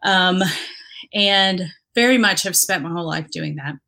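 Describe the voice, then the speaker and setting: Earnest woman, lowish voice. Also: unhurried, vocal fry, bright, forceful tone. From Dominican Republic. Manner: earnest and reflective, many fillers and restarts. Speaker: interview guest, injured former police officer. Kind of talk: candid conversational interview.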